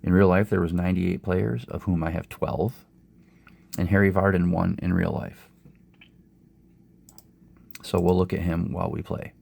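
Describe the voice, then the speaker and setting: A man with a sore throat and summer cold, casually narrating a golf game as host in a low-energy, unhurried way. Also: steady tone, darkish tone. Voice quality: low, gravelly. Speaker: host of a sports gaming channel.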